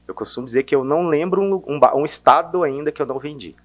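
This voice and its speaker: A man from Minas Gerais with a softened Mineiro accent, talking casually as a sales guest, hesitant with many restarts and fillers. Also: on the high side, fast talker. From Minas Gerais, Brazil. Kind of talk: casual interview chat.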